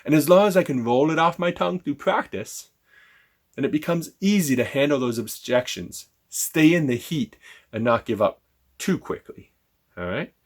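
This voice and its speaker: Casting: male sales trainer, energetic, asks rhetorical questions, role-plays calls. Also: a little high, moderate pace. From Canada. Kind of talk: direct-to-camera sales lesson.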